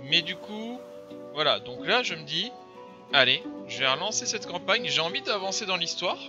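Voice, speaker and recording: Brief: gamer host, chatty and rambling, slightly high voice, lo-fi mic over music. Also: male voice, big pitch swings, normal speed. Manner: chatty, rambling, filler-heavy. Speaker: let's play host. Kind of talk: casual gameplay commentary. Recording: dull lo-fi voice over game music.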